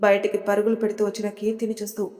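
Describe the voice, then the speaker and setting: A woman storyteller reads a scripted audio story in a calm, even manner. Her voice is mellow and dark-toned, at a middle pitch. A long reverb trails after her words. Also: quick pace. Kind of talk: scripted narration.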